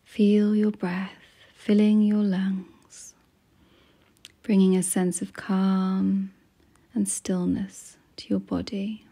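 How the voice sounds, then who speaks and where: This woman's voice, hushed and breathy and often close to whispering, guides a meditation at a slow, soothing pace. She lets long pauses sit between her phrases, and her pitch stays level in a middle range, keeping everything smooth and gentle.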